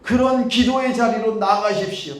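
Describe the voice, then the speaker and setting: A man preaching a sermon as pastor, moving from low, quiet talk to loud pleading cries. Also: steady tone, normal speed, roomy sound. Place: church sanctuary.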